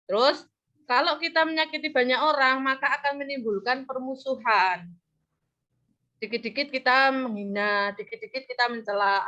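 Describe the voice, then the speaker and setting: A woman's voice: on the high side, pushed and bright. A woman teaching a practice classroom lesson, coaxing and praising, often trailing off mid-word so the class can finish it. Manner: leaves words half-said for the class to finish. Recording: muffled lo-fi recording.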